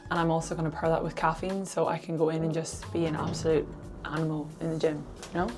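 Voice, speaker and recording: Woman, low voice, chatty casual vlog, slangy, music behind. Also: level tone, quick pace, darkish tone. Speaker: fitness vlogger.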